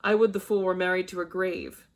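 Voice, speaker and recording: A woman's voice: fairly low pitch, steady tone, a little fast, close to an everyday voice. Brief: woman as a cold, curt noble mother, play reading.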